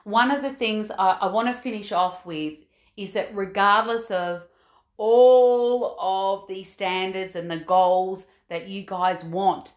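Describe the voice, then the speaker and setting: A woman hosting a motivational coaching podcast, speaking in an earnest, encouraging way and repeating her key phrases. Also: medium pitch. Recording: echoey room.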